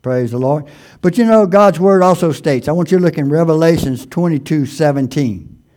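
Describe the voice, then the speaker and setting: A man preaching a sermon, reading scripture slowly and emphatically, asking the congregation questions, often restarting and stammering. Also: on the high side, dark tone. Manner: stammering, with many restarts and fillers.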